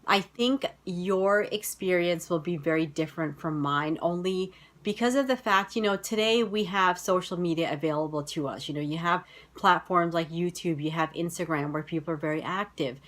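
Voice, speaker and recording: Her voice runs on the low side with a bit of brightness at a moderate pace: a thirties-aged woman from the US telling personal stories in a casual vlog. She speaks General American and chats along with frequent "you know"s and "like"s.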